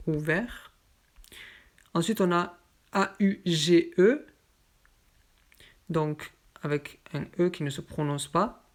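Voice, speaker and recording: A woman teaching French pronunciation, carefully reading word lists aloud and explaining spelling patterns step by step. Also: fairly low pitch. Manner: slow, careful enunciation of each word.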